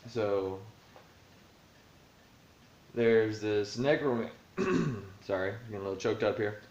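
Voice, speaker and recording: A man vlogging casually about the tabletop campaign he runs as dungeon master, thinking aloud and rambling with lots of fillers, recorded in a room at home. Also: medium pitch. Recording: roomy, dull lo-fi home recording.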